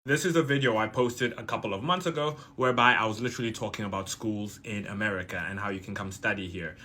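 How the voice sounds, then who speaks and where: A man's voice: fairly low pitch, quick pace, pushed and bright. A man from South Africa delivering an indignant, emphatic opinion monologue. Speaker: commentator.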